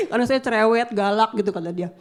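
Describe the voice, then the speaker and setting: A woman pastor preaching a sermon, animated, swinging between loud emphasis and soft asides. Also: on the high side. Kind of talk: sermon with personal anecdotes.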